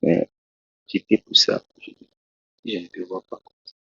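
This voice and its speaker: Deep gravelly preacher telling his testimony. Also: fairly even intonation, sharp tone, no room sound. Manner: slow, halting storytelling with many restarts. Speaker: preacher, guest. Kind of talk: testimony in a talk show interview. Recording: dull, lo-fi dry sound.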